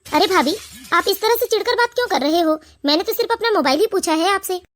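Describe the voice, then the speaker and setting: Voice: very high voice, expressive, fast, a bit bright. A voice artist doing a naive, plaintive young brother-in-law. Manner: plaintive, polite. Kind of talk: animated cartoon voice acting.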